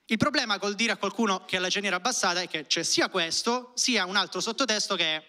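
A man's voice: sits high, fast, bright, forceful tone. A man doing an ironic, conversational stand-up routine with casual swearing, speaking into a handheld stage microphone. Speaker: stand-up comedian. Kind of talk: stand-up comedy routine to a live audience. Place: comedy club stage with seated audience.

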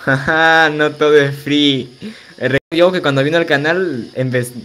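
A young gamer streams and chats with his audience in a relaxed, slangy way, reading chat aloud and laughing frequently. His fairly high, fairly bright voice holds a steady tone at a measured pace, with faint music in the background.

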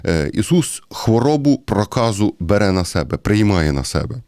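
A man's voice: on the low side, big pitch swings, moderate pace, a little mellow, smooth, dry recording, studio quality. A man with a Ukrainian accent giving a conversational sermon-style Bible commentary, speaking directly to his listeners and often hesitating. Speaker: priest.

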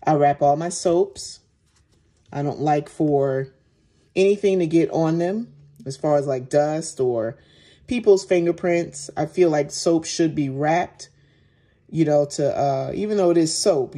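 Woman, low pitch, slow pace, casual demonstration narration, relaxed manner. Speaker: soap maker and host. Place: indoors at home, at a work table.

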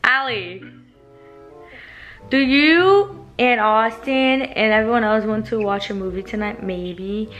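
A woman's voice: on the high side, slow, fairly bright tone, lo-fi sound. A young woman vlogger chatting to her viewers in a bubbly, giggly way. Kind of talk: casual vlog chat. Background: background music.

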